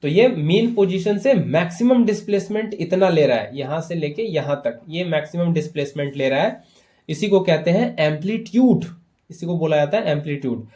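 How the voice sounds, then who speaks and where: A male physics teacher with a slightly higher-pitched voice walks through an exam-prep lesson one step at a time. He slips English terms into Hindi and keeps checking that his students follow along. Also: moderate pace, dark tone. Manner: explains step by step with repeated "है ना" checks.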